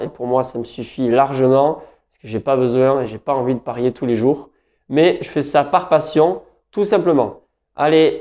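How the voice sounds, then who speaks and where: A French man with a slightly high, mellow voice gives football betting tips while talking casually to camera on his own. He's chatty and rambling and often corrects himself, and the recording sounds muffled.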